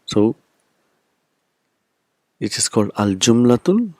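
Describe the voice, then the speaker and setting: A man's voice: medium pitch, big pitch swings, slow, darkish tone, dry recording. A man teaching a recorded language lesson, explaining step by step and repeating key terms. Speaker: Arabic teacher.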